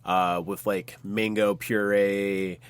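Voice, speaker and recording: A man's voice: lowish voice, level tone, slow, clean tone, dry recording. A man hosting a podcast in casual, slangy talk with frequent swearing. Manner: profane, slangy. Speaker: podcast host, bartender. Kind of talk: casual chat.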